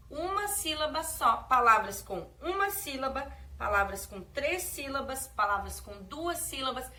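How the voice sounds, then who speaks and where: A Brazilian woman teacher speaks to small children in a slow, drawn-out way. Her voice sits a little high and sounds bright and clear. She is recorded from a distance, with faint noise behind her. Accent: Brazilian Portuguese. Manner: slow, warm-hearted teacher talk to small children, drawing out words. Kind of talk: children's lesson.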